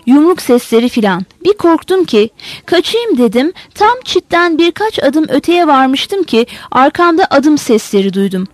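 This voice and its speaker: A stammering peasant woman telling of horror through sobs, read by a woman. Her voice sits high, close and dry, with no room around it. She sounds shaken and breathless with fear. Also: big pitch swings, normal speed, no echo. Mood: frightened. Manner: stammering, sobbing account.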